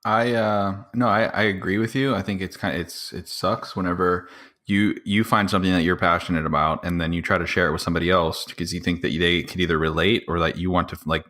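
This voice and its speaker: A man's voice: deep voice, fairly even intonation, brisk, pushed and bright. A young man co-hosting a casual podcast, rambling with lots of restarts and easy laughter. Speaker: podcast co-host. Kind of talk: casual chat.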